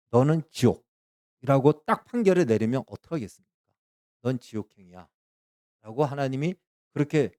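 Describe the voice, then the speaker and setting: A man preaching a sermon as pastor, emphatic and rising to loud peaks when he quotes prayers. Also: on the high side, no echo, studio quality.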